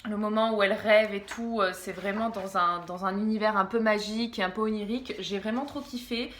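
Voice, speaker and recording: A young woman reviewing graphic novels in a casual, halting way, giggling often and slurring a little because she is groggy from medication. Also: medium pitch, fairly even intonation, fairly bright tone. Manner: giggly, halting, stumbles over words. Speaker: book vlogger.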